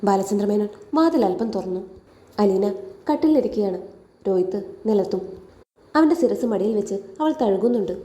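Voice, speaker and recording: A woman narrating a story recap in a steady, measured way, in an echoey room. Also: medium pitch.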